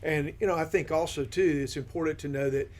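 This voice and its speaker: A man on a ministry team who guides a podcast discussion, affirming his partner and posing questions in a steady manner. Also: a little high, brisk. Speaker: discipleship ministry team member leading the discussion.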